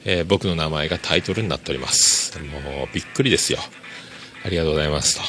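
A man hosting a casual solo podcast, talking chattily and enthusiastically and laughing softly between remarks. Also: a bass voice, fast talker, soft background music. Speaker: podcast host.

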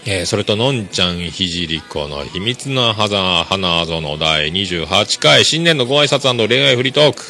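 A man hosts a casual solo podcast. His voice sits low but sounds bright and forceful, with a lively, swinging pitch. Soft music plays faintly behind him. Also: normal speed, few pauses. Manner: chatty, enthusiastic, laughs softly between remarks. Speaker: podcast host.

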